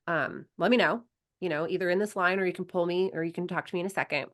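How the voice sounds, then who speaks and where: A woman in her thirties, a coach talking on a podcast in a lively, chatty way and acting out the voices of people she quotes. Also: lowish voice, fast. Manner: animated storyteller, acts out quoted voices. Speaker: sports psychology coach, podcast guest. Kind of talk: casual podcast conversation.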